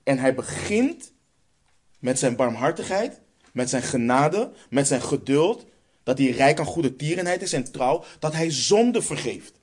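A man's voice: medium pitch, animated, unhurried, breathy edge. A man with a Dutch accent preaching a sermon, emphatic and stressing points by repeating phrases.

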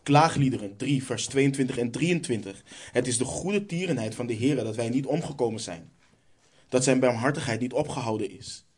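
Guy preaching, reads scripture then answers his own questions, medium pitch. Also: normal speed, a little mellow, husky. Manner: reads Bible verses aloud, then asks and answers rhetorical questions. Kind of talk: sermon.

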